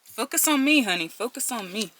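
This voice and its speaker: Fairly high-pitched, expressive and a bit bright, her voice moves fairly quickly. She's a vlogger in her thirties talking casually to camera, starting at home in the kitchen and moving to a car, and she calls her viewers y'all and folks.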